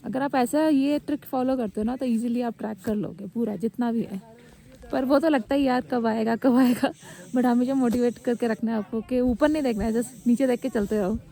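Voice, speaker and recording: A woman's voice: a little high, moderate pace, creaky, warm tone. A young woman vlogging on a mountain summit, talking casually and cheerfully to her phone camera and teasing her friends. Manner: chatty, upbeat, teasing friends. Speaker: travel vlogger. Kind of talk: casual vlog narration outdoors. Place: windy mountain summit outdoors. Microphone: handheld phone camera.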